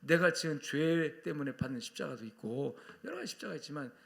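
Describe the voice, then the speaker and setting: Pastor guy preaching hard, slightly high voice, acts out quotes, gets the congregation repeating lines. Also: animated, fairly quick, vocal fry. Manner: emphatic preaching, calls for repeat-after-me. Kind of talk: Sunday sermon.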